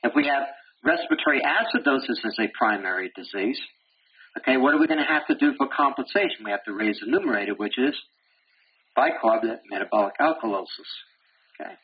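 A man giving a medical lecture who quizzes his class and answers himself, with blunt, wry humor. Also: mid-range voice. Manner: animated, asks the class questions and answers them himself. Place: lecture room. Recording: dull lo-fi lecture recording with faint hiss.

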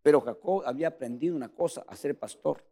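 A fast-talking preacher with a fairly high, creaky voice and a breathy edge delivers an animated sermon in church. "Brother" comes up often as he addresses listeners, and his volume swings from loud to soft.

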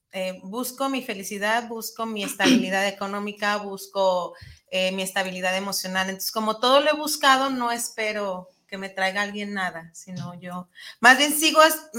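A woman's voice: mid-range voice, sharp tone. A woman from Mexico co-hosting a casual talk show, playful and laughing often. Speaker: co-host. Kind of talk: casual chat.

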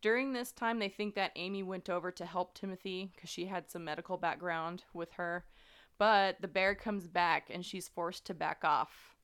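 Smooth-voiced woman telling a true-crime story. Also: fairly low pitch, normal speed, a bit bright. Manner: conversational, many fillers, earnest. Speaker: podcast host.

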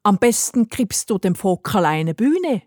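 A woman voicing a kindly old grandfather who speaks calmly and soothingly, in a storybook reading. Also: mid-range voice, measured pace, no echo, clean studio sound. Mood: gentle. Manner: calm, soothing, relishing.

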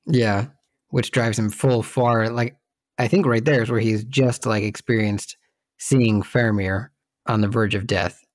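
A man's voice: on the low side, steady tone, a little slow, dry recording. A man co-hosting a podcast, chatting casually about a film and thinking aloud as he searches for details. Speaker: podcast co-host.

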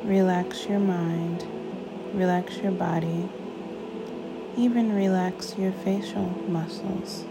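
A woman guides a sleep meditation like a sleep story narrator, soothing and unhurried, with long pauses between short phrases. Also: on the low side, fairly even intonation, heavy background noise. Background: music.

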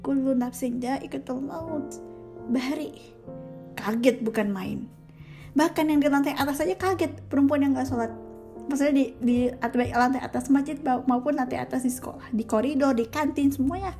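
Chatty high-voiced woman telling a story. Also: normal speed, mellow, faint music behind. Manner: chatty, with frequent self-corrections and fillers. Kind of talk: casual spoken storytelling.

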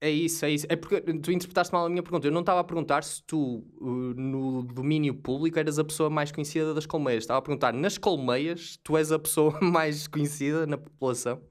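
A man's voice: fairly high pitch, fairly even intonation, quick pace, few pauses. A man with a European Portuguese accent hosting a podcast in a casual, teasing, comic way. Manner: teasing, joking. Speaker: podcast host.

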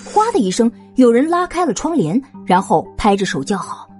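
A woman with a husky voice narrating a suspense audio drama in an expressive storytelling manner. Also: a little high, moderate pace, faint music behind.

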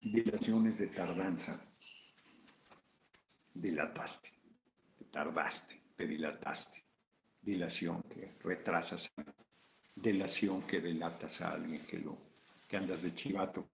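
A man's voice: low-pitched, steady tone, slow, gravelly, long pauses. A Mexican man hosting a casual video chat, rambling through political commentary with informal, profane asides.

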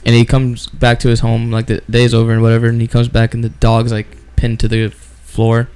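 A man's voice: medium pitch, completely flat delivery, a little fast, a little mellow, smooth. A man co-hosting a casual podcast chat, blunt and grumpy in tone. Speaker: podcast co-host.

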